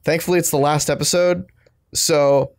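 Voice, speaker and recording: A man's voice: on the high side, steady tone, moderate pace, echoey room. A man hosting a podcast in a casual, chatty style. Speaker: podcast host. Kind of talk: casual chat.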